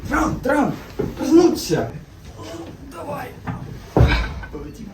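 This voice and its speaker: A woman voicing a loud, bossy, hot-tempered male comrade who shouts his orders. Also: high voice, very animated, slow pace, reverberant, distant mic, very noisy, exaggerated voice. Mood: shouting.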